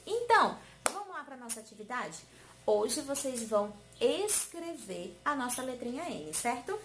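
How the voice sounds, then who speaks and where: A woman teacher giving a lesson to small children, in a sing-song way, stretching key words slowly and coaxing answers with questions. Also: on the high side, background noise. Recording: roomy echo.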